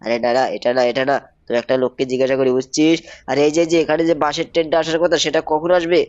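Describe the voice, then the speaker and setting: A young man giving excited gameplay commentary, repeating himself and calling out to viewers. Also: a little high, racing, no echo, lo-fi sound. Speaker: gaming YouTuber.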